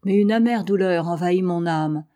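A proud young warrior answering with earnest bitterness, voiced by a woman reading an epic aloud. The voice is mellow and warm. Steady and measured delivery. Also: lowish voice, lightly acted. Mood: bitter.

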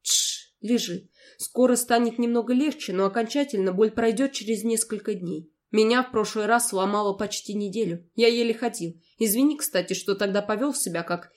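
A woman voicing a gentle young male heir. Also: medium pitch, normal speed, lightly acted. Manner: gentle, soft.

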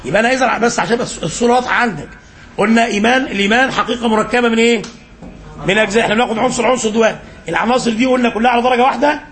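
Speaking as a sheikh with an Egyptian accent, this man delivers an Islamic lesson in an extremely high, racing, slightly bright voice. He quizzes his listeners, fills in the answers himself, and repeats phrases for emphasis.

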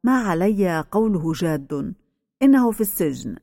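A woman voicing an aging male village pastor who speaks slowly and solemnly. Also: fairly low pitch, lively intonation, dark tone, no echo, clean studio sound. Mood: grave.

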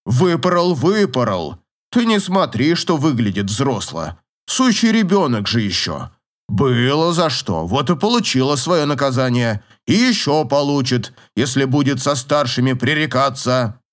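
A man voicing a gruff, teasing old professor in an audiobook, grumbling and chuckling in a slow drawl. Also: mid-range voice, big pitch swings. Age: older.

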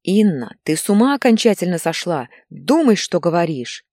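A woman reading the part of an angry, exhausted husband and father who shouts harshly. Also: on the low side, sing-song, normal speed, no room sound, studio quality. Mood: furious.

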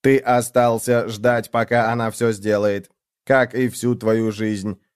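Guy doing a snide sneering ship computer in an audiobook, smooth clear voice, needles you nonstop. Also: medium pitch, little pitch movement, slow, no room sound, clean studio sound, natural voice. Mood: mocking. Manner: needling, sarcastic interrogation. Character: sneering male ship computer, cold, mocking.

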